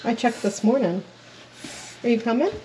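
A woman's voice: fairly high pitch, moderate pace, mellow, a little hiss or hum, low-quality recording. A mother filming at home, coaxing her toddlers in a sing-song voice. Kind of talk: home video chat with small children. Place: family home, indoors.

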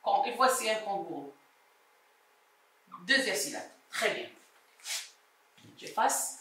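A woman teaching a primary school phonics lesson, speaking slowly and clearly and sounding out each word syllable by syllable. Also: mid-range voice, lively intonation, a bit bright, recorded from a distance, a little hiss or hum. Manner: slow, clearly articulated, syllable by syllable. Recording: echoey room, voice off-mic.

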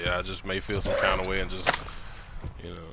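A man's voice: low voice, completely flat delivery, a little fast, vocal fry, background noise. A man streaming a game, chatting casually and joking playfully with teammates. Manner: playful, joking, blurts out silly voices. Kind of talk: casual gaming chat. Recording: loud game music and gunfire behind.

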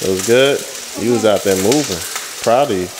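A man's voice: on the low side, fairly quick. An American man chatting casually in a home kitchen, playful, in short clipped phrases. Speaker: family vlogger. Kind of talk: casual vlog chat. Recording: clear sizzling kitchen noise.

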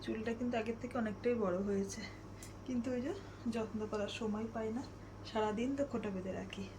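A woman's voice: fairly high pitch, fairly even intonation, fast talker. A woman chatting casually to her viewers about her day at home. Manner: rambling homely chat addressed to viewers; speaks softly so a sleeping child won't wake. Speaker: vlogger. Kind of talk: casual chatty daily vlog. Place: home, indoors. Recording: noisy home phone recording.

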